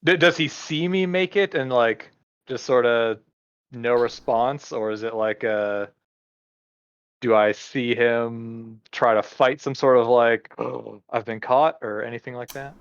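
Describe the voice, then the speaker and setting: A man's voice: mid-range voice, fairly even intonation, takes it slowly, smooth, dry recording, dull audio. A man playing a character in a tabletop game, describing his actions in a casual, rambling way. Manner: casual, rambling with many fillers. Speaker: player.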